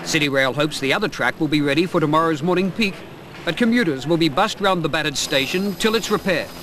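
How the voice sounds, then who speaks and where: A male television reporter reads his story in a measured, formal way, his voice sitting a little high. There is a clear hiss behind him, typical of a 1990s broadcast tape. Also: a bit bright. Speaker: news reporter. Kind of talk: scripted news narration.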